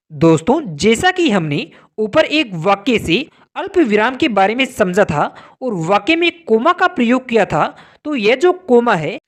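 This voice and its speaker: Lively-voiced woman explaining grammar. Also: on the high side. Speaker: grammar teacher. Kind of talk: scripted explainer narration.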